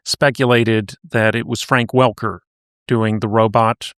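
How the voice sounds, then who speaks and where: A man's voice: lowish voice, flat delivery, unhurried, fairly bright tone, smooth, dry recording, studio quality. A man co-hosting a podcast, recapping and chatting in a conversational storytelling way. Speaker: podcast co-host. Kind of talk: casual podcast chat.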